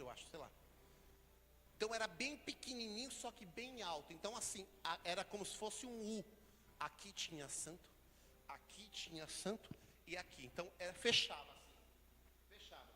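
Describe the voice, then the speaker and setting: High-voiced bright male preacher in a hall. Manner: storytelling, then rising to loud preaching with sung phrases and tongues. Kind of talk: sermon with personal story. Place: church hall. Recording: hall reverb, faint background noise.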